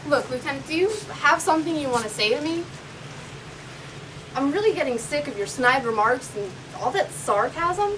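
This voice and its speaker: A woman's voice: high-pitched, animated, normal speed. An actress playing a police officer who argues openly with her lieutenant. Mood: defiant. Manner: pleading, then defiant. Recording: distant mic, noisy with rain.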